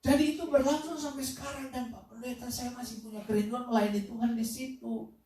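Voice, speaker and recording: A man preaching a sermon as pastor, telling a story with lively repeated phrases and sudden loud questions. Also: very high voice, brisk, a little hiss or hum. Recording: echoey room, voice from a distance.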